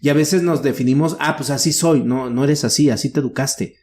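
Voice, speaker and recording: A man's voice: medium pitch, a little fast, darkish tone. A middle-aged man with a Mexican accent, a guest telling personal family stories in a frank, earnest way with casual swearing. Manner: frank and earnest, slips into acted quotes of relatives, casual swearing. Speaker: guest, workshop speaker. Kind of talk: candid conversational storytelling.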